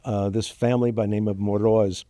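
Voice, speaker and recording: As a guest in an interview, an older man tells his family's personal history; he was born in Germany to Ukrainian parents, and Ukrainian is his first language. His telling is emotional and halting, with many fillers and false starts. The voice sits on the low side with a flat delivery and warm tone, in a dry recording.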